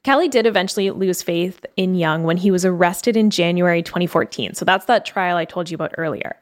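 A woman's voice: fairly low pitch, a little fast. A woman co-hosting a podcast, telling a case story in a chatty, casual way with lots of fillers. She is from Canada. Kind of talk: casual chat.

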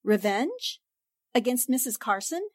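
In the manner of an old-time radio drama, an actress plays a poised, curious newspaper reporter who asks polite but probing questions. Her female voice is a little high and sing-song, delivered at a measured pace.

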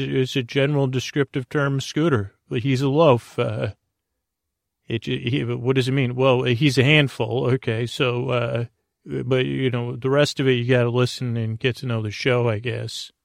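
A podcast host drifts through a rambling bedtime sleep monologue, his creaky, soothing, medium-pitched voice meandering hesitantly into absent-minded tangents. The recording is dry, with clean studio sound.

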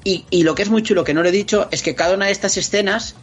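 His voice sits high and his speech comes rapid-fire as he chats as a guest on a relaxed podcast. He has a Spain Spanish accent and dramatizes his stories with lively interjections. Faint music plays under slightly dull, lo-fi sound.

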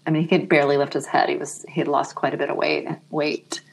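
Middle-aged woman guest, deep-set low voice, gentle and reflective, emotion close to the surface. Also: level tone, fast, vocal fry, husky. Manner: soft-spoken, reflective, emotional. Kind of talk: reflective interview conversation.

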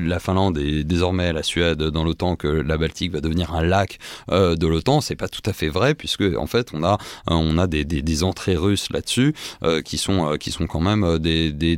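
A man's voice: low-pitched, no room sound. A man talking as a guest researcher in an interview, explaining at length with frequent filler hesitations. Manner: halting, many filler hesitations. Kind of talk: expert analysis in a podcast interview.

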